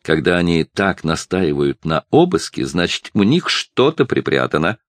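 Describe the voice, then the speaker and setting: A man voicing a big, loud, mocking man who taunts others in an audiobook. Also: low voice, sing-song, moderate pace, no echo, studio quality. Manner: jeering, raised voice.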